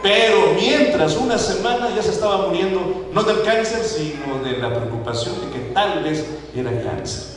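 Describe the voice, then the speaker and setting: A man's voice: high voice, expressive, moderate pace, few pauses. A man with a Mexican Spanish accent preaching a sermon to his congregation, asking them questions and acting out the people he quotes. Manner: asks the congregation questions, acts out quoted voices. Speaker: pastor. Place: church sanctuary. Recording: echoey church hall, voice from far off.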